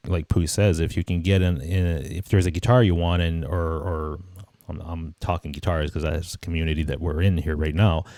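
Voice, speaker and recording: A man nearing fifty hosts a casual livestream in a low, dark voice with no echo. Reflective and easygoing, he rambles, restarts often, and says "you know" a lot.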